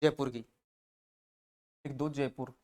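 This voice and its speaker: A man's voice: medium pitch, little pitch movement, takes it slowly. A male teacher giving an exam-prep lesson, repeating names and quizzing the class with memory tricks. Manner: drills mnemonics with repeated questions and answers, shifting loudness.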